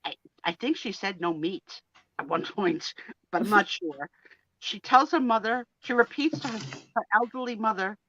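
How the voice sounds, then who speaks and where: A bright, forceful woman co-host cracks jokes over a muffled, underwater-sounding headset mic. The sound is dull and lo-fi, and the remote line is dry. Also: medium pitch, normal speed, dry recording. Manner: joking, teasing. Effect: muffled underwater-sounding headset audio. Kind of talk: casual live-stream chat.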